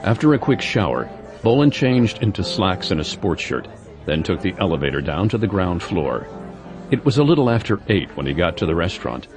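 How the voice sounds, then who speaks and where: A man's voice: deep voice, big pitch swings, a little fast, over music, crowd noise. A man narrating a thriller story in a scripted, storytelling style.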